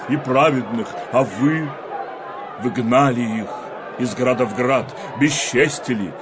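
Man acting a slow, stern righteous prophet-like elder. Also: medium pitch, noisy background, natural voice. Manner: solemn, oratorical, denouncing. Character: stern righteous elder rebuking a stubborn nation. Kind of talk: declaimed verse drama.

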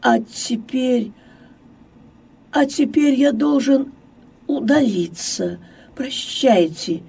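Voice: sits high, lively intonation, very slow, gravelly, a little mellow, slightly rough, distant mic, pitched above the performer's own voice, exaggerated voice. A reader voicing a reserved, stubborn young man who speaks tersely and holds back. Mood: restrained. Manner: terse, restrained. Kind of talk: audiobook character voice.

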